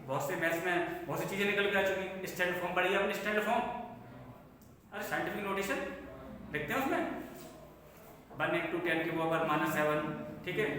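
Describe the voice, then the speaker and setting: A man's voice: sits high, sharp tone, a little hiss or hum. A man teaching math to a class, asking questions and joking between points. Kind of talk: classroom lecture. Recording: echoey classroom from far off.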